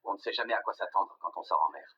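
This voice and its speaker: A man's voice: low-pitched, fast, dull audio, a little hiss or hum. A man speaking as a cameraman in a nature documentary, in interview and field talk. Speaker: underwater cameraman.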